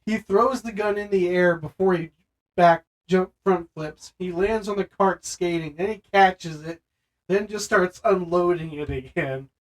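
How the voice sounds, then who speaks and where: A man co-hosting a casual podcast chat, retelling film scenes in an animated way and using "like" often. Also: high-pitched, measured pace, low-quality recording. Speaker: podcast co-host.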